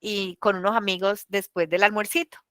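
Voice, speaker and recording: A woman's voice: mid-range voice, level tone, moderate pace, a bit bright, dry recording, clean studio sound, close to an everyday voice. Woman voicing sheepish worker. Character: working man, sheepish about his daily soda.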